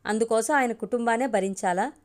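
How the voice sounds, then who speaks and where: A gossipy male security guard passing on secrets in a confiding tone, read by a woman. The voice sits a little high. It is a spoken storybook. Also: a little fast, close to an everyday voice.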